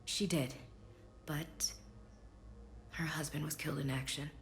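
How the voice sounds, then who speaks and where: An actress playing an earnest, proud and grieving female soldier in a video game, with a slightly gravelly voice. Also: sits low, steady tone, unhurried. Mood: quiet, grieving. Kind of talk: video game dialogue acting.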